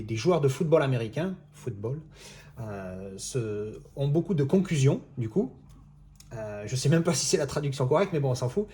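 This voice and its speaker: A man's voice: mid-range voice, a little mellow. A man talking casually in a vlog monologue, rambling with many restarts and exasperated asides. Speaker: video creator.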